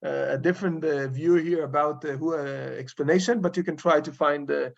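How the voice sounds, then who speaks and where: In a dull, lo-fi recording, a rabbi leads a casual Torah class, his slightly high voice carrying a gravelly fry and fairly even intonation. His English comes haltingly, with frequent pauses while he hunts for the right word in this informal study-group lecture.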